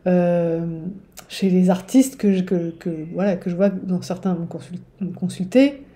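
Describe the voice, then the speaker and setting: Mellow-voiced woman coach, chatty. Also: fairly low pitch, a little slow. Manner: chatty, keeps checking in with "ok?"; digressive, with restarts. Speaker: spiritual relationship coach. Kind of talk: casual teaching monologue.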